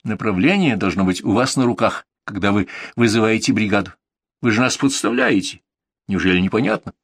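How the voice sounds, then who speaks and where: A man's voice: lowish voice, expressive, fairly quick, slightly rough, no echo, studio quality. A man voicing a stern middle-aged woman doctor who lectures and scolds a patient's family.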